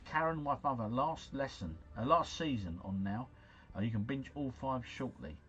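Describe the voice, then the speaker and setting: Playing a quiz game live, a male host chats and jokes with viewers, reading out their messages and stumbling over foreign names he mumbles. His mid-range voice is a bit bright, with lively intonation at normal speed, and the highs are cut off.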